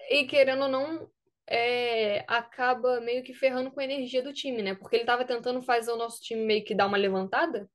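A young woman from Brazil, a student athlete, recounting a story in a casual interview with lively quoted dialogue. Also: on the high side, a little fast.

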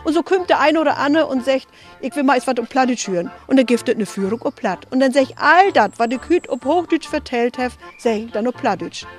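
A woman museum guide tells stories in a chatty way, tagging her lines with "ne?". Her voice sits high. Soft music plays faintly behind her. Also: lively intonation, brisk. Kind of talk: casual storytelling.

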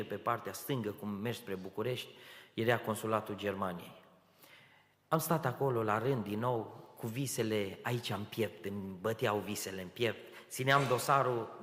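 A man in his forties from Romania preaching a testimony sermon, telling his story with acted-out dialogue and rising to loud fervent peaks. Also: on the low side. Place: church hall. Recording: echoey church with long reverb.

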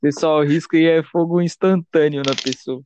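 A man's voice: fairly high pitch, steady tone, moderate pace, darkish tone, a little hiss or hum. A young man with a Brazilian Portuguese accent, chatting informally with slang and swearing. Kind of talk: casual chat.

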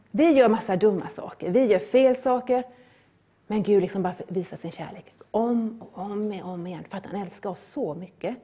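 A middle-aged woman preaching a sermon, earnest and repetitive, with loud rising appeals. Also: mid-range voice, breathy edge.

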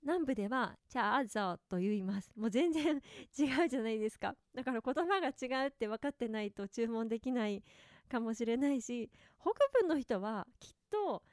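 High-voiced woman podcaster. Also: normal speed, dry recording, studio quality. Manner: chatty, friendly, lively asides and rhetorical questions. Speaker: podcast host. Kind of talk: casual solo podcast talk.

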